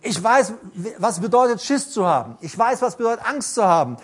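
A middle-aged man preaching a sermon, telling personal stories in an animated way with some stammering. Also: high voice, fairly quick, husky.

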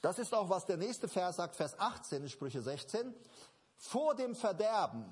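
A man's voice: high-pitched, sing-song, measured pace, slight background noise. A man preaching a sermon to a congregation, emphatic and repetitive, restarting phrases and addressing listeners directly. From Germany.

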